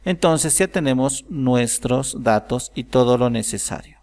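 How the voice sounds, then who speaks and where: A man calmly explaining a software tutorial step by step, thinking aloud as he works. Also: mid-range voice, unhurried. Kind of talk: screen-recorded software tutorial.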